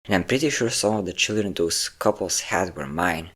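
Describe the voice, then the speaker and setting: In an intimate, theatrical roleplay monologue, a man voices a vain, cruel vampire lover who is possessive and obsessive, drawing out words and sighing. His low, fairly bright voice moves at normal speed, and the mood is bitter and confessional.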